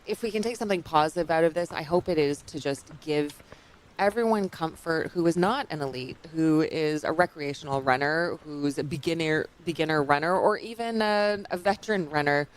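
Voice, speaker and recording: Woman commentator, 30s, low pitch, chatty and easygoing, live race call. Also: a little fast. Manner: chatty, laughs often, draws on own racing.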